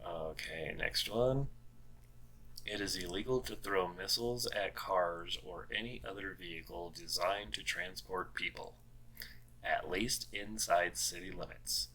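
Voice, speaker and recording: A man with a very low, bright-edged voice talks at an unhurried pace. He reads out strange laws, then rereads and questions them in a wry, puzzled tone, full of ums and uhs. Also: rough recording. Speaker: host. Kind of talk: casual commentary reading out laws.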